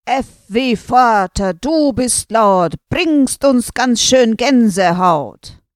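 Woman playing a jolly male note-wizard for a storybook; slow loud sing-song rhymes. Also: lowish voice, sing-song, no echo, clean studio sound, heavily acted. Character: male music-note magician, cheerful, sings rhymes.

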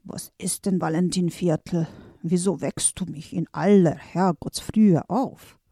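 A woman voicing an old, grey-bearded male music wizard in a children's storybook, speaking calmly and slowly. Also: high-pitched, husky, no room sound, studio quality, full character voice. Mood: puzzled.

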